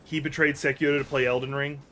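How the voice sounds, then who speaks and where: Here a gaming streamer whose first language is English narrates his play at a quick pace, his mid-range voice level but sharp in tone. The commentary is casual and loose, full of rambling and mid-thought corrections, like a relaxed conversation with the people watching his stream.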